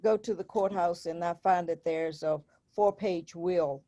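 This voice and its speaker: A woman guest on a livestream, explaining a topic in a measured way. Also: on the low side, dark tone. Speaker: guest, historical society member. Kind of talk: explanatory conversation.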